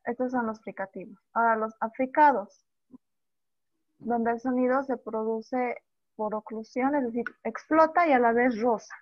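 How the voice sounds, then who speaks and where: A woman teacher giving an online language lesson, who sounds out speech sounds slowly and repeats examples. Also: fairly high pitch, dry recording. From Bolivia. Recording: dull dry lo-fi audio.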